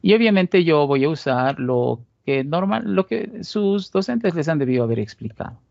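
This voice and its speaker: A man's voice: fairly high pitch, animated, normal speed, gravelly, darkish tone, dry recording, lo-fi sound. A man with a Cochabamba Bolivian accent giving a recorded statistics lecture, explaining step by step and often checking in with "¿listo?". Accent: Bolivian Spanish (Cochabamba). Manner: explanatory, asks rhetorical questions, frequent "¿listo?" check-ins. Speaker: teacher.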